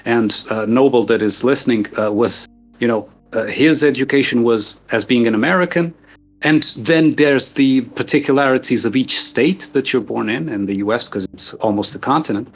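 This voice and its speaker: A man's voice: mid-range voice, normal speed, faint music behind. A man from Portugal, earnestly explaining ideas at length with everyday examples in a casual philosophical conversation. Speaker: guest thinker.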